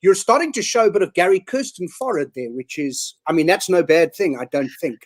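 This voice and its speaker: A male host with a notably high voice puts teasing, jokey questions to his guest in a light comic chat. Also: lively intonation, a little fast.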